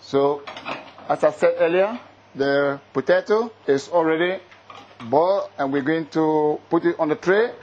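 A man's voice: on the high side, a little slow, a little mellow, highs cut off, slight background noise. A middle-aged man from Ghana with a Ghanaian accent, a chef who talks in a casual, hesitant way, full of fillers and restarts. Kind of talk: casual interview and cooking demo.

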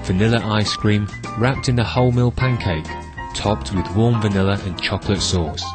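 A man reading a scripted voice-over narration in a smooth, measured way. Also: lowish voice, steady tone. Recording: voice-over with guitar music behind.

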